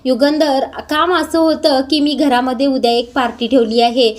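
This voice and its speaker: A woman's voice: high voice, steady tone, normal speed, lightly acted. A woman voicing a scheming older sister who taunts her brother in a mock-sweet way. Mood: sly, taunting.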